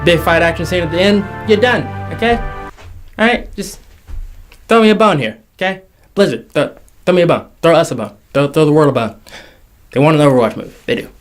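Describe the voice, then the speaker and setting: A man hosts a casual, jokey countdown show about video game movies, speaking emphatically and repeating phrases for effect. His voice sits on the high side, runs a little fast, and pauses often, with faint music in the background.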